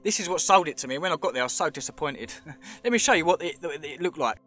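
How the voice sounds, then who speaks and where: A fast-talking man with a slightly high, fairly bright voice and lively intonation narrates his handheld exploration of a show cave over soft background music. He chats and rambles, speculating and calling attention to things.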